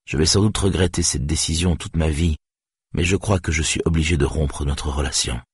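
A man reading aloud, voicing a young man who flatly ends a relationship. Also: rumbling low, normal speed, slightly rough, dry recording, clean studio sound, exaggerated voice. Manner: flat, withdrawn.

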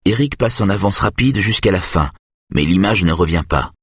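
A man narrates an audiobook in a measured, steady read. His voice is very low and husky. The recording is dry and close, with no room sound. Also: dry recording. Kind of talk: scripted narration.

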